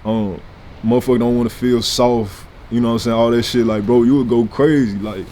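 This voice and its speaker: Brash young St. rapper talking. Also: male voice, medium pitch, steady tone, brisk, dark tone, a little hiss or hum. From St. Louis, USA. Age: 20s. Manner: brash, profane, slangy. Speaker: rapper, interview guest. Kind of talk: casual sit-down interview talk.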